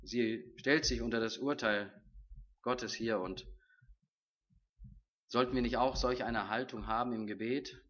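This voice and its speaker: A man's voice: mid-range voice, fairly even intonation, a little slow, long pauses, fairly bright tone, lo-fi sound. A man preaching a sermon in an earnest, personal way, sometimes acting out his own prayers.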